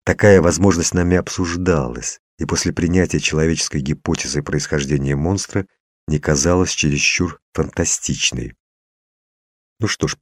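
A man's voice: rumbling low, a little mellow, no room sound, clean studio sound. A man narrating a science fiction audiobook in the first person, in a tense, dramatic storytelling manner.

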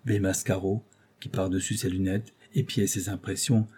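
Male audiobook narrator, measured novel reading, dark mellow husky voice. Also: deep voice, level tone. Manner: measured, storytelling.

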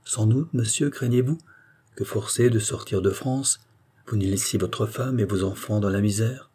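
A man voicing a persuasive aristocratic baron who talks in a smooth, insistent, coaxing way in an audiobook reading. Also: on the low side, normal speed, dark tone.

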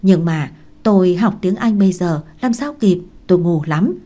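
A woman's voice: on the low side, lively intonation, moderate pace, mellow. A woman reading a shy young village woman. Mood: hesitant. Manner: hesitant, self-doubting.

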